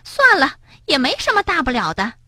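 A woman voicing a small blind male mole in a storybook, with a high, quick, chirpy voice. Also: huge pitch swings, pushed and bright, dry recording, studio quality, heavily acted. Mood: curious. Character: grumpy then gentle little blind male mole.

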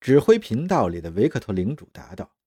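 Husky, expressive male drama narrator. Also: medium pitch, a little fast, no echo, clean studio sound. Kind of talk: scripted audio drama narration.

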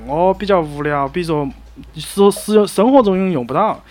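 A man with a Sichuan accent chats casually at a quick pace. His voice sits slightly high, and he explains things in a colloquial way over music. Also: darkish tone. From Chengdu, China. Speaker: guest who studied in Australia. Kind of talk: casual chat.

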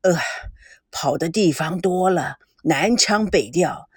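A woman doing a slow, low-voiced old grandfather. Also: animated, husky, no echo, clean studio sound, exaggerated voice. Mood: gruff restrained. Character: elderly grandfather, slow, reserved, guarded.

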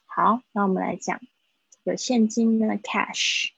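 A woman teaching English words in a live online lesson. She explains slowly and repeats each word for pronunciation. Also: mid-range voice, steady tone, vocal fry, fairly bright tone, slightly rough, dry recording. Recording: dull, dry livestream audio.

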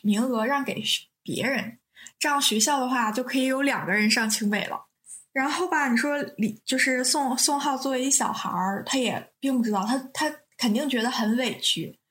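A woman's voice: high voice, fairly bright tone. A young woman who casually retells the plot of a TV drama, rambling, correcting herself and laughing.

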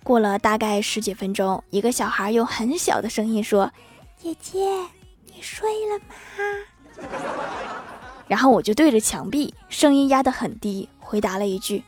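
A young woman telling a string of casual comic anecdotes and landing the punchlines deadpan. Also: medium pitch, brisk, few pauses, soft background music. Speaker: storyteller.

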